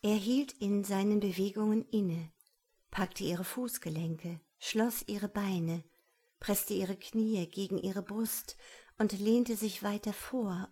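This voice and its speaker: Female audiobook narrator, unhurried, measured, intimate delivery. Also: medium pitch, dark tone, slightly rough. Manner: slow, measured, intimate reading. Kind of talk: scripted narration.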